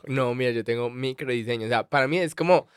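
Guy doing campy drag-style banter on a comedy podcast, smooth clear voice, dry close sound, lots of teasing. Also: medium pitch, quick pace, no echo. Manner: playful, teasing, drag-persona chatter. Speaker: podcast co-host.

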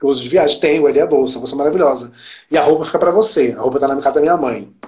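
A man with a Brazilian Portuguese accent, a podcast guest telling an emotional story in casual chat, emphatic and animated, acting out quoted dialogue. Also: mid-range voice, racing, dull audio.

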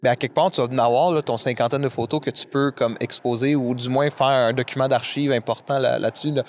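A man with a Québécois French accent talks at length as a podcast guest, with a loose, rambling flow. He often pokes fun at himself, and his voice sits at an ordinary middle pitch. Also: steady tone, fast. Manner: talkative, self-deprecating, rambling. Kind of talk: casual conversation.

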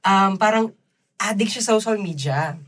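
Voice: mid-range voice, moderate pace, fairly bright tone. Filipino podcast speaker, taglish, lots of um and parang, kinda hesitant. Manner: hesitant, many fillers, searches for words. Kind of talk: casual Taglish chat.

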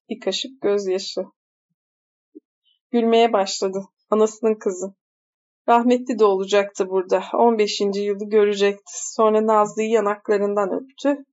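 A woman's voice: medium pitch, level tone, moderate pace, a little mellow, highs cut off. A woman reading a novel aloud, stopping now and then to comment on the text. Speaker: reader.

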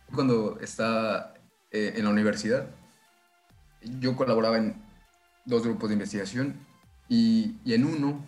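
A man who works in science, talking casually on a podcast, eager and rambling with many restarts. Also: medium pitch. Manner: enthusiastic, agreeing, rambling. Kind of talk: casual conversation.

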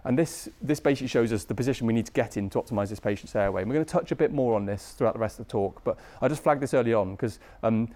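A British anaesthesia registrar gives a medical lecture at a brisk clip, his mid-range voice soft and mellow. His teaching is informal and chatty, full of colloquial phrasing and frequent tag questions.

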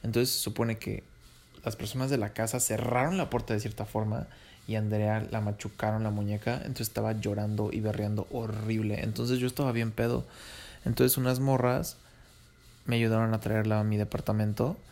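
Young Mexican man, low gravelly voice, slangy rambling storyteller, casual vlog chat. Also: little pitch movement, normal speed, a little mellow. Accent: Mexican Spanish. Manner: slangy, rambling, laughs between lines.

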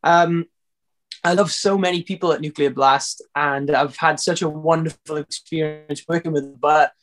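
High-voiced Welsh man, rambling chat. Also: steady tone, normal speed, fairly bright tone. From Wales. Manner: rambling, with many fillers and restarts. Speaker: singer being interviewed. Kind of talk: casual interview chat.

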